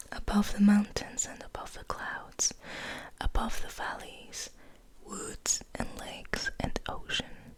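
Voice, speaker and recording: Close to the microphone, a woman hosts a soft poetry reading in a hushed, deliberate ASMR whisper. Her voice is a little high, and the audio quality is poor.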